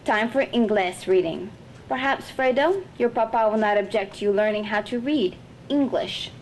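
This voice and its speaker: A woman's voice: moderate pace, a little hiss or hum, lightly acted. A woman doing a sing-song schoolteacher. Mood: stern. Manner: sing-song, turning low and rough when angry. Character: lively sing-song female schoolteacher, proud and strict.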